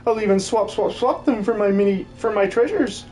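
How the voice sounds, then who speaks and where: On a low-quality recording with soft music underneath, a medium-pitched, darkish, natural voice moves a little fast. The performer is dubbing a game character, an old hermit who is jolly, fussy and excitable. He repeats his words in threes like a stutter.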